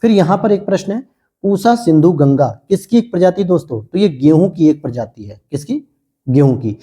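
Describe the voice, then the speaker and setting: A man runs through exam questions in a teacherly lecture, asking each one aloud and then answering it himself. His voice sits a little high but sounds dark and mellow, with a husky edge. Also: lively intonation, moderate pace. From India.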